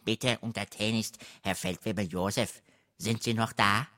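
A man voicing a sly male soldier who hisses in a mock-humble, hushed way. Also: fairly low pitch, fairly even intonation, measured pace, no echo, clean studio sound.

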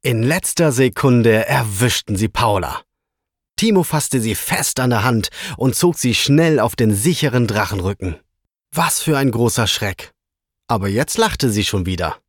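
Lively male children's story reader. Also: medium pitch, unhurried, no echo, clean studio sound. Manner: lively expressive reading.

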